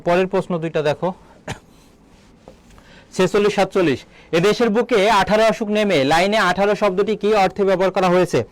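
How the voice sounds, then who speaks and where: A man teaching an online exam-prep lesson, asking students questions, answering them himself and repeating key words slowly. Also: high voice. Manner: quizzes students, then answers his own questions. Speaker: admission exam tutor.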